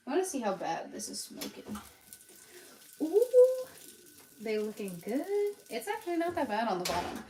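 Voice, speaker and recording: A woman's voice: fairly high pitch, a little mellow, reverberant, slight background noise, poor audio. A Pennsylvania woman with a Pittsburgh accent chatting casually on a live stream while she cooks at home, rambling with lots of fillers. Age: adult with a child. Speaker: cooking vlogger. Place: home kitchen.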